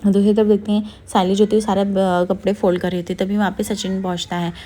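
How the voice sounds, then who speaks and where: A woman retelling a TV serial episode in casual narration, with quick linking phrases and brief hesitations. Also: mid-range voice, little pitch movement, mellow. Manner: rapid, repetitive linking words, brief hesitations.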